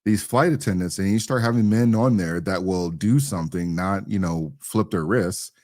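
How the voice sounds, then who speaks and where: Low-voiced man rambling through casual commentary. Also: moderate pace, darkish tone, no echo, clean studio sound. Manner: slangy, rambling, repeats phrases. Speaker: talk show co-host.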